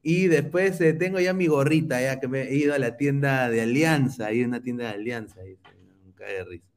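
A man's voice: mid-range voice, brisk. A man hosting a football podcast in casual chat, teasing rival fans as he reads viewer comments. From Peru. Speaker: podcast host.

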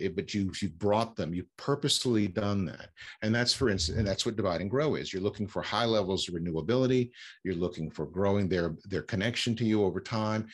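A man's voice: low voice, breathy edge. A man speaking as a fundraising consultant in an interview, explaining with frequent fillers and restarts. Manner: halting, many fillers and restarts. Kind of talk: conversational interview answers.

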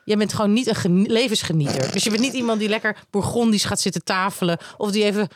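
A woman's voice: medium pitch, quick pace, no room sound, clean studio sound. A woman co-hosting a podcast in casual chat, telling stories animatedly and laughing often. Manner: lively, animated storyteller who laughs often. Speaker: podcast co-host.

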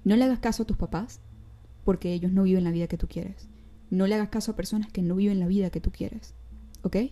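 Young venezuelan woman talking straight to you, mellow voice, gets lively and direct. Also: mid-range voice, fast. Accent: Venezuelan Spanish. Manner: animated, speaks directly to the viewer. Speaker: vlogger giving life advice. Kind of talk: casual motivational talk to camera.

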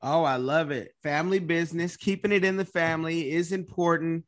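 A man's voice: on the high side, steady tone, brisk. Chatty, encouraging podcast host man. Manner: chatty and encouraging, with sudden bursts of emphasis. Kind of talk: casual interview.

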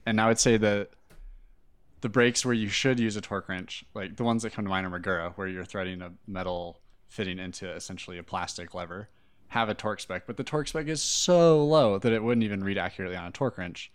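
A man's voice: lowish voice, fast talker, smooth. A man co-hosting a podcast, chatting casually in loose run-on thoughts about bike repair. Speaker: podcast co-host, bike mechanic.

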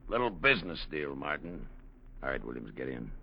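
A man's voice: rumbling low, big pitch swings, a little fast, creaky, breathy edge, full character voice. An actor playing a menacing, sardonic gangster boss in a 1940s radio crime drama, with slangy, taunting tough-guy talk. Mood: cold menace. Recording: muffled, noisy old radio recording.

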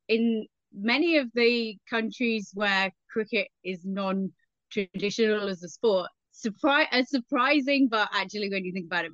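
A woman, a guest in a casual interview, telling stories in a chatty, lively way. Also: mid-range voice, no room sound, muffled recording. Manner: chatty, anecdotal, lively storyteller.

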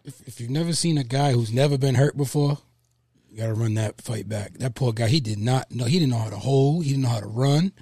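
Husky man telling fight stories. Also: medium pitch, a little fast, mellow, no room sound, studio quality. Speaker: podcast co-host. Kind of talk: casual boxing chat.

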